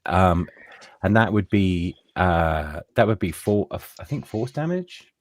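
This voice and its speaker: A man playing a tabletop game, talking casually and haltingly as he works out his turn. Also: sits low, sing-song, dry recording. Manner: halting, restarts often. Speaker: player.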